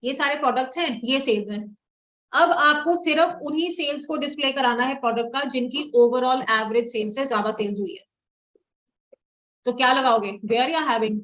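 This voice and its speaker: High bright woman teaching slowly. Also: rough recording. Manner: mixes Hindi and English, quizzes students. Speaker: SQL teacher. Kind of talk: live coding lesson.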